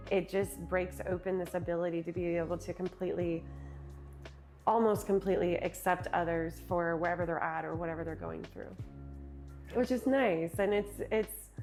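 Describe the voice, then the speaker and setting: A woman's voice: on the low side, darkish tone. Woman, interview guest, earnest reflective talk, laughs easily, faint background music. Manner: earnest, with quick and slow stretches, laughs easily. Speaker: guest, keynote speaker and retreat host.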